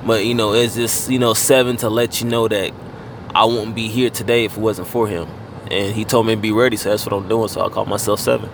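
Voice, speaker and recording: Laid-back low-voiced man, traffic noise. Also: steady tone, brisk, gravelly. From Fort Lauderdale, Florida. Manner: laid-back, heavy on fillers and casual swearing. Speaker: guest rapper. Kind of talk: casual interview chat.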